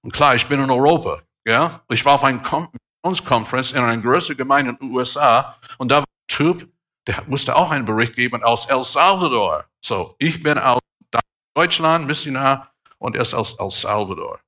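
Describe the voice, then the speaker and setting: A middle-aged man, a pastor, preaching a sermon with emphatic, sudden loud rises. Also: medium pitch, normal speed.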